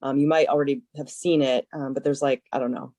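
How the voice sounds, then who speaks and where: A woman committee member on a video call, making a suggestion haltingly with many fillers. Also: a bass voice, steady tone, dark tone, no room sound.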